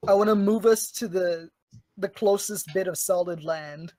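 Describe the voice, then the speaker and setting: A woman playing a tabletop game, asking the game master quick, casual questions. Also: fairly low pitch, darkish tone, a little hiss or hum. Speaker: player.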